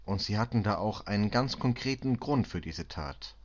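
A man voicing a calm, patient male police detective who speaks steadily and reassuringly. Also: lowish voice, normal speed, lo-fi sound. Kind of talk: audiobook reading.

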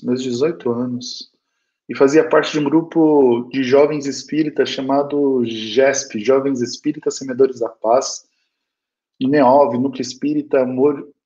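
A Brazilian man with a Brazilian Portuguese accent gives a spiritist lecture, sharing a personal story with earnest feeling and frequently speaking directly to his audience. His voice is mid-range and dark-toned, captured on a dull lo-fi recording.

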